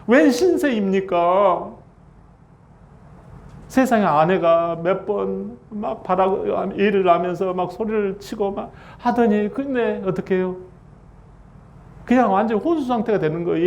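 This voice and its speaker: Middle-aged pastor guy preaching hard, kinda high voice, acts out the characters. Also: a little mellow. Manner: emphatic preaching, acts out quoted voices with rising pitch. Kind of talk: sermon.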